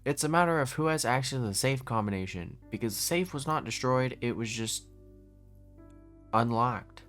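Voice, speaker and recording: A man's voice: medium pitch, expressive, normal speed, fairly bright tone, faint music behind, close to an everyday voice. A man voicing a weary male leader in a casual voice-acted roleplay, reasoning aloud and restarting his sentences. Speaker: roleplay lead.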